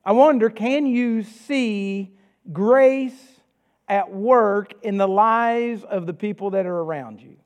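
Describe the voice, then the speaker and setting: A Southern American man preaches a sermon, reading scripture and praying in an earnest, measured manner. His voice is high, and the recording sounds muffled.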